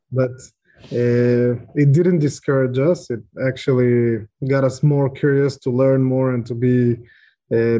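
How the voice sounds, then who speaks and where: A man in his thirties from Ukraine, raised in Israel, telling his story as a podcast guest in a measured way with frequent pauses. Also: medium pitch, mellow. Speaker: real estate investor guest. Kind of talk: podcast interview.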